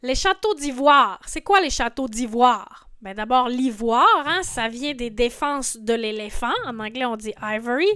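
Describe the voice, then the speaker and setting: A woman's voice: on the high side, measured pace, hardly any pauses, fairly bright tone. A woman in her forties, a French teacher patiently explaining song lyrics and grammar, often checking in with "hein". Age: 40s. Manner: patient, didactic, frequent "hein" fillers.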